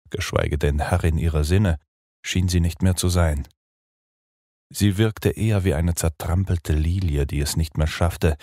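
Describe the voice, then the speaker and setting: A man narrating a gothic novel in a measured, even storytelling voice. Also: very deep voice, no room sound, clean studio sound. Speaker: audiobook narrator.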